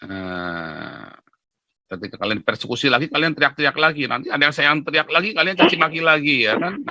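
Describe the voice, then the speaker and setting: Animated man lecturing viewers. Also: fairly high pitch, brisk, dry recording. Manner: animated, lecturing, often rising to a near-shout; rhetorical tag questions. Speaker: YouTube commentator. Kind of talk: casual monologue.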